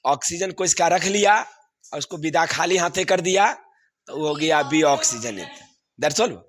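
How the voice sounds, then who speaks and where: A man's voice: fairly high pitch, normal speed, fairly bright tone. A man, teaching a class and going over exam answers, repeating questions and laughing often.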